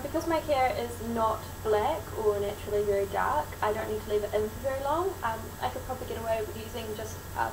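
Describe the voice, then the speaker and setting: High-pitched New Zealand woman, creaky, roomy recording. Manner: frank, informal, explanatory. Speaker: vlogger. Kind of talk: casual how-to vlog talk. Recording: roomy, distant mic, clearly noisy.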